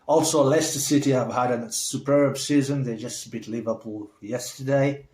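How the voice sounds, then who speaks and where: A man of middle pitch, born in Somalia, chatting straight to camera in a loose, rambling way full of fillers and restarts. He sounds keen and upbeat when he heaps praise on someone. His voice rings around a roomy, echoey space. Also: steady tone, moderate pace, a little mellow. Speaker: vlogger. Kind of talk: casual chat to camera. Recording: roomy echo.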